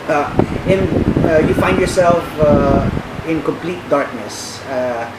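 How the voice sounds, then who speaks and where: Distant, echoey male game master, halting. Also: on the high side. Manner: halting, hesitant, searching for words. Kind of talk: improvised narration of a tabletop game. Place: echoey room. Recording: roomy, distant mic, loud background hum.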